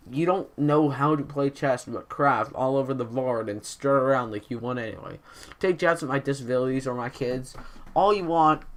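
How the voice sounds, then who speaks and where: A young man hosting a casual video, reading posts aloud and commenting in a self-deprecating way, stumbling and slurring because his mouth is numb from the dentist. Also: medium pitch. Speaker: host of a Reddit reading video.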